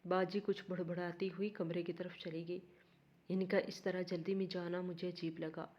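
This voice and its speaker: Woman reading a sad family story, low mellow voice, kinda dull lo-fi sound. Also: level tone.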